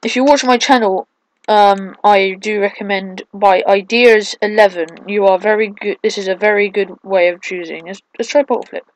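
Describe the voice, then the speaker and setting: A woman doing excitable, casual let's play commentary, mixing drawn-out exclamations with quieter asides. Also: mid-range voice, poor audio. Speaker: gaming video host.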